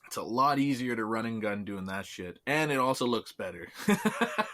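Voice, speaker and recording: A man's voice: mid-range voice, expressive, normal speed, bright, forceful tone. A man from Canada, a filmmaker being interviewed, talking in an easygoing way that often trails off. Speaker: filmmaker guest. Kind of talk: casual interview chat.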